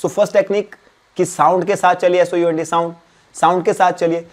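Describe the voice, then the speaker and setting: A man's voice: high-pitched, little pitch movement, a little fast. Man teaching spelling, chatty repetitive. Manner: switches between Hindi and English mid-sentence; repeats words and spells them letter by letter. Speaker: English teacher. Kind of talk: exam-prep spelling lesson.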